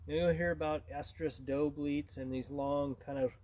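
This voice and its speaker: A man's voice: fairly high pitch, steady tone, a little slow, darkish tone, a little hiss or hum. A man gives an informal tutorial as a hunting instructor, in a plain-spoken, conversational way.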